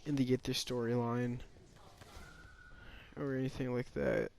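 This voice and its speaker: A man's voice: medium pitch, little pitch movement, unhurried, creaky, a little mellow, a little hiss or hum. A man giving a casual, rambling opinion monologue about a game, often hesitating, restarting and sighing.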